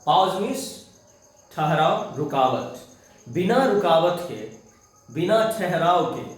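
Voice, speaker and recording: Slow, deliberate Indian male teacher. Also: a little high. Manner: slow, stretches out words when defining. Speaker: English grammar teacher. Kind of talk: bilingual grammar lesson. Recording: echoey room, voice from far off.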